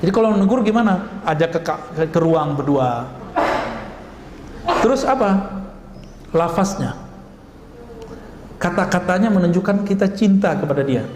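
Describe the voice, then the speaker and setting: A man preaching a lively sermon and asking the audience questions, now and then acting out scolding voices. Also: high voice, moderate pace, long pauses, background noise. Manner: animated, acts out scolding voices, laughs. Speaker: Islamic preacher. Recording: echoey hall recording with ambience.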